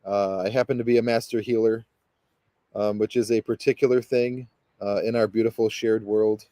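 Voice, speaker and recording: A man's voice: on the low side, flat delivery, normal speed, warm tone, no room sound. A man leading a guided meditation as a spiritual guide, talking in a rambling, hesitant way full of fillers and restarts.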